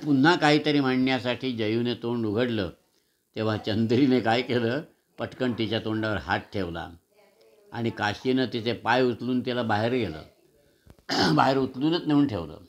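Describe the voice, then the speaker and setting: A man reading a children's story aloud in a measured, expressive way, sometimes clearing his throat. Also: medium pitch.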